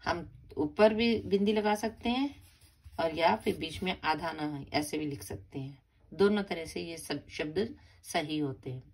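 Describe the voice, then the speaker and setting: Woman teacher, grammar lesson for small children, slow pace, slightly low pitch, syllable-by-syllable spelling. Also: darkish tone, slightly rough. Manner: repeats and stresses each word for children. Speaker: primary school teacher.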